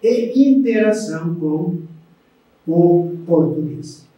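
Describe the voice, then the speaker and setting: An older man teaching a language lesson in a slow, deliberate way that often ends with a questioning "né?". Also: high-pitched, lively intonation, mellow. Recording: echoey room, voice far from the mic.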